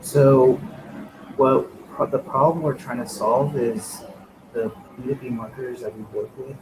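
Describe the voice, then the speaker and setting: A man's voice: mid-range voice, steady tone, a little slow, noisy background. A man giving a conversational presentation at an online user group meetup, with frequent fillers, on a computer microphone. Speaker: guest presenter. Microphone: home computer microphone on a video call.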